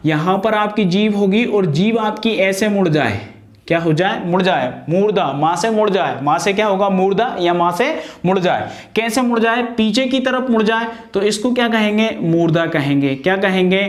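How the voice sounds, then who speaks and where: A man teaching an exam-prep grammar lesson, asking questions and answering them himself, and pronouncing each sound aloud for practice. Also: high voice.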